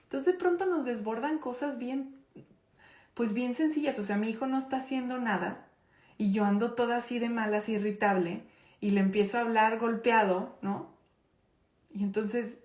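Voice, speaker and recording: A woman's voice: fairly high pitch, darkish tone. Mexican woman teaching in a roomy space. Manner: conversational, slows down to stress points. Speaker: course instructor. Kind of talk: informal online class. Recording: roomy echo.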